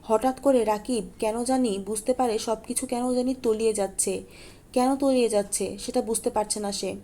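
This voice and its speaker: A woman narrating an audiobook story in a steady, plain reading voice with small self-corrections. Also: fairly high pitch, moderate pace.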